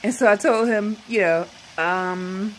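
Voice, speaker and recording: A woman telling a personal travel story in a casual, animated way, acting out the people she meets. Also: mid-range voice, slow, slight background noise, low-quality recording.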